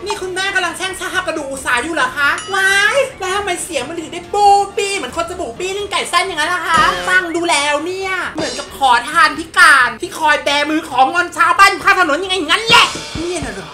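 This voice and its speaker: A woman playing a haughty, scornful female villain from a period drama, mocking and loud. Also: very high-pitched, fast talker, few pauses, over music, voice pushed up.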